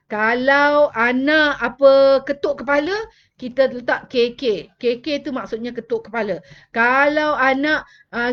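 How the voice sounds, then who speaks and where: Malaysian woman host, relaxed live-stream chat with viewers, higher voice, dull lo-fi sound. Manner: chatty, answers viewer comments, mixes in English. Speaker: child behavior specialist hosting a live stream.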